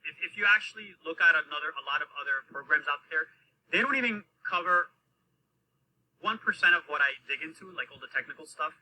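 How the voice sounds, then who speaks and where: A man speaks as a guest instructor on a live video call. His voice is slightly high and very bright, and he explains technical points in a quick, casual way. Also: animated, poor audio. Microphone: video call microphone.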